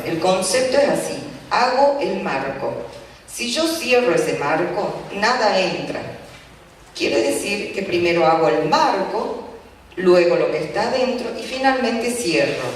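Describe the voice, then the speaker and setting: A Japanese language teacher, explaining at a community event and pausing often with filler sounds. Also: medium pitch. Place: large event hall. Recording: echoey hall from far off, faint noise.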